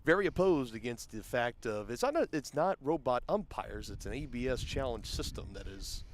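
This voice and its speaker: A man doing play-by-play commentary for a high school baseball game, conversational and explaining rules at length. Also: sing-song, normal speed, slight background noise. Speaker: play-by-play announcer. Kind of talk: sports commentary.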